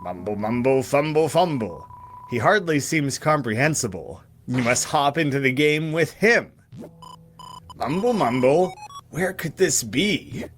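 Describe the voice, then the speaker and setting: Man voicing a book wizard, old, male, cryptic, mumbling, slow, soft faint music behind. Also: medium pitch, lively intonation, natural voice. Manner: mutters "mumble, mumble" between riddling remarks.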